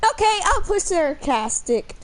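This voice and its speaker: A woman commenting on her video game play, excitable and squealing. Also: extremely high pitch, measured pace, background noise. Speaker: gaming streamer.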